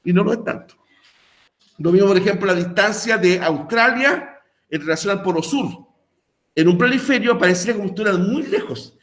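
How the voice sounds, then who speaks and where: Male teacher, high voice; chatty, filler-laden lecture delivery. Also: lively intonation, moderate pace, fairly bright tone. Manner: rambling, filler-heavy, checks in with "¿verdad?" and "¿ya?". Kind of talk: recorded online class explanation.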